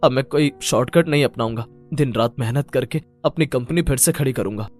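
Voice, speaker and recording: An earnest young businessman husband from an animated family story, as a man voices him. His voice is mid-pitched and plain, a little distant from the mic, with soft music underneath. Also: brisk, close to an everyday voice. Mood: remorseful.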